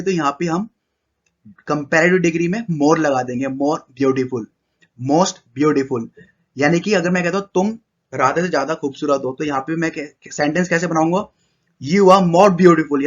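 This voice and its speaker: Man teaching grammar, spelling words slowly. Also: fairly high pitch, fairly bright tone, lo-fi sound. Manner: spells out words letter by letter, slows right down on English examples. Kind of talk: explanatory lesson in Hindi mixed with English.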